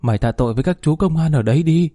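A man's voice: fairly high pitch, rapid-fire, dark tone, no room sound, faint music behind, lightly acted. A man voicing an anxious, commanding mother. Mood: urgent.

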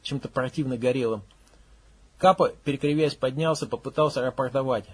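A man's voice: medium pitch, a little fast, husky. A man narrating an audiobook in a blunt, coarse manner, with swearing.

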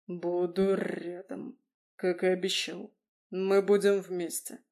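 A woman voicing a devoted male werewolf who speaks low and deliberately. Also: flat delivery, dark tone.

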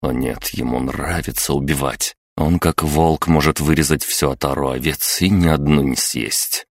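A man narrating a fantasy audiobook in the first person, calm and measured with a wry edge. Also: a bass voice, no room sound, studio quality.

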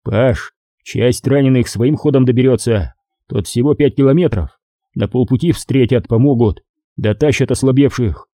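A man's voice: medium pitch, moderate pace, mellow, no echo, studio quality, lightly acted. A man voicing a firm, commanding sergeant who gives short, authoritative orders. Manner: curt, authoritative.

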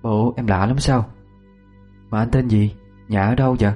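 A man voicing a gentle, soft-spoken young village woman. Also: lowish voice, steady tone, normal speed, soft background music, lightly acted.

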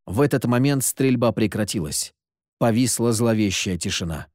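A man whose voice sits on the low side narrates a scripted audiobook, keeping his storytelling steady and even at a moderate pace. The studio-quality recording has no echo.

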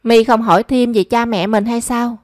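A woman voicing a brisk, matter-of-fact young female friend. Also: a little high, steady tone, a little mellow, no room sound, clean studio sound, lightly acted.

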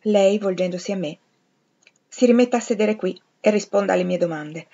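Rochester, a curt commanding gentleman, read by a woman. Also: medium pitch, brisk, natural voice. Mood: probing. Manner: curt, imperious questioning. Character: brusque commanding middle-aged gentleman. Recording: slightly dull lo-fi recording.

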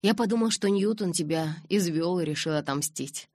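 A woman reading an audiobook, voicing a calm, mocking teenage boy who speaks in an amused, unhurried way. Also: on the low side, no echo, studio quality, close to an everyday voice.

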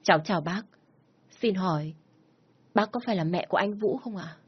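A woman's voice: mid-range voice, brisk, slightly rough, lo-fi sound. A woman voicing an anxious young woman who asks elders politely about her sick boyfriend. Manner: polite, deferential.

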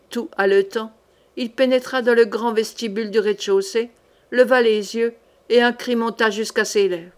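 A woman reading a historical novel aloud, with measured, dramatic narration. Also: on the high side. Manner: measured dramatic narration, voices the characters lightly. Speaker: audiobook reader.

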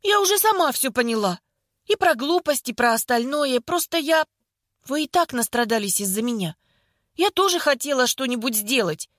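A woman's voice: high voice, expressive, moderate pace, a bit bright, dry recording, clean studio sound. A woman voicing an earnest young woman who pleads and breaks into tears easily. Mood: pleading.

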